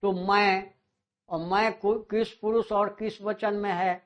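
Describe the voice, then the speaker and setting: A man teaching a grammar lesson, slowly repeating and drawing out words. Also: sits high, level tone, a bit bright. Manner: slow, repeats words and stretches them out. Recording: dull lo-fi sound.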